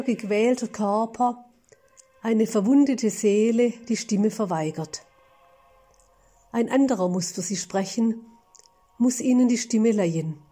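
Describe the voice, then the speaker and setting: A woman delivering a scripted sermon in a slow, measured, contemplative way. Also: a little high, mellow. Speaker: preacher.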